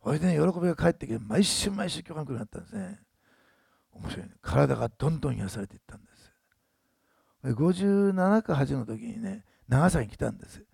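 A man's voice: a little high, vocal fry, darkish tone, breathy edge, no room sound, studio quality. A man in his sixties, a pastor telling a story in a sermon, chatty, often adding tag words. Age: 60s. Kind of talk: sermon testimony.

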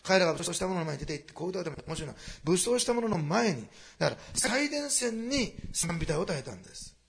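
A man preaching a sermon to a congregation, moving quickly between quiet storytelling and loud, animated passages. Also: sits high, gravelly. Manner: fast, animated preaching that swings from hushed asides to loud climaxes. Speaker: pastor.

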